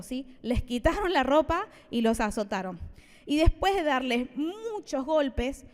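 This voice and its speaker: A woman preaches in a high voice, keeping her sermon conversational and playful with asides to the congregation. Her voice carries a long reverb from the church hall. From Argentina.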